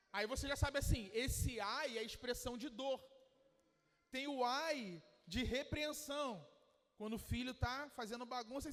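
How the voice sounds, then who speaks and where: A man preaching a sermon. He reads scripture slowly, then turns casual and asks the congregation questions. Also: very high voice, fairly bright tone, in a large hall.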